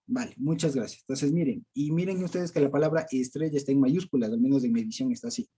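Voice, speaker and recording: Talking fast in a medium-pitched, warm voice with a breathy edge, an Ecuadorian-accented man teaches a Bible study. The tone is chatty, full of laughter and verbal fillers, and he keeps throwing rhetorical questions at his listeners.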